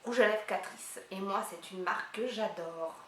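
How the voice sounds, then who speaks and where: A woman vlogger chatting excitedly as she unboxes gifts, thinking aloud as she goes. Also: mid-range voice, moderate pace. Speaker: beauty vlogger. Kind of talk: casual unboxing chat. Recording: roomy echo, faint hiss.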